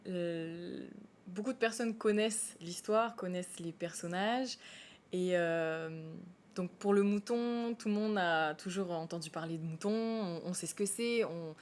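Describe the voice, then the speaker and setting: Hesitant actress chatting on set. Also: female voice, on the low side, measured pace, a little hiss or hum. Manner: hesitant, many fillers and restarts. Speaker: stage actress interviewed as guest. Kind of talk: live studio interview.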